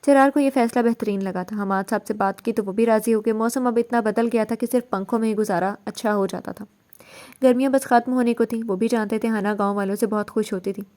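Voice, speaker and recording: A woman narrating a serialized novel in a steady, even storytelling manner. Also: fairly high pitch. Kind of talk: novel reading.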